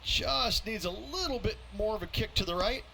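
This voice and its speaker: A man's voice: high voice, lively intonation, moderate pace, vocal fry, sharp tone, slight background noise, exaggerated voice. A man playing an easygoing golf commentator, the color analyst in a sports video game, talking in a conversational, folksy way. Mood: easygoing, approving.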